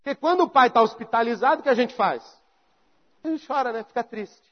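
A man's voice: extremely high pitch, fairly quick, muffled recording. A pastor preaching a conversational sermon, acting out little dialogues to make his point.

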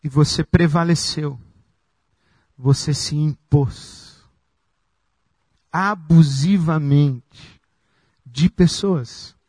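A man preaching a sermon as pastor, slow and emphatic with long pauses. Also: a little high, dark tone, husky, no room sound.

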